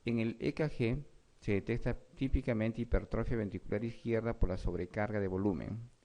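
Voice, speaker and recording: A man's voice: fairly low pitch, normal speed, dark tone. A man giving an exam review lecture, reading questions and explaining them, often checking in with his students. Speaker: medical lecturer.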